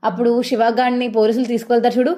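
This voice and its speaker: A woman's voice: fairly high pitch, flat delivery, racing, mellow, natural voice. A woman voicing a blunt, protective husband in a retold TV serial, speaking firmly. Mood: stern. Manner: firm, gives orders.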